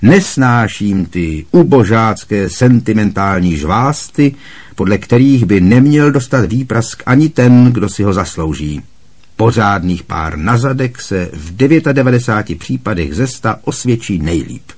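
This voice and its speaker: A man reading aloud, voicing a bossy, loud middle-aged aunt who barks harsh scolding at a boy. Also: lively intonation. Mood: scornful. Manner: booming, barking and harshly scolding.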